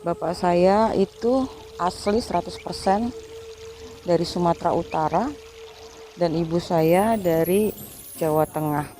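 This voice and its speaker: A woman's voice: on the low side, unhurried, pauses often, mellow, soft background music. A woman from Indonesia, vlogging outdoors in a city square and filming herself with a handheld phone, hesitant, with many fillers. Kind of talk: casual vlog narration. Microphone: phone held by hand, no tripod.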